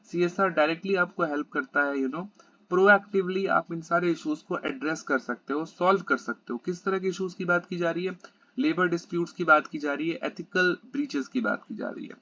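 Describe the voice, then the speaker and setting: A man's voice: fairly high pitch, pushed and bright, dry recording. Indian man tutoring commerce, lo-fi sound. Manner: reads English lines slowly, then explains quickly with frequent "है ना?". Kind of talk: exam-prep lecture, reading English text then explaining in Hindi.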